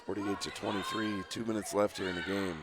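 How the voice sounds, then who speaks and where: A man calling play-by-play for a high school girls' basketball game, reading out scores and times left. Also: steady tone, fairly quick. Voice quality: scratchy voice. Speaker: play-by-play announcer.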